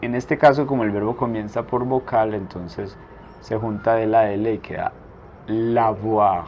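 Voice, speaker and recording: A man teaching a language lesson, asking a prompt and then saying each answer slowly twice. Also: fairly low pitch, fairly even intonation. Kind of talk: slow spoken drill lesson. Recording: dull lo-fi recording with faint noise.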